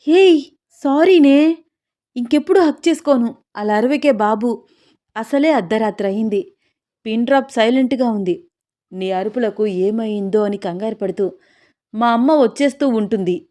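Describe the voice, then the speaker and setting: A playful young husband in a romantic audio story, coaxing and teasing in a soft, close voice. A woman voices him in her own plain tone. The talk stays intimate and gentle. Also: mid-range voice, normal speed, pauses often, lightly acted. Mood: flustered.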